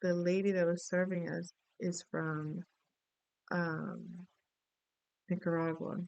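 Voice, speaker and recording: A woman's voice: lowish voice, level tone, slow pace, vocal fry, a little mellow, smooth, no room sound, dull audio. A middle-aged woman from the Dominican Republic, giving a casual spoken astrology reading and rambling through a story with many asides. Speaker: astrology and tarot reader.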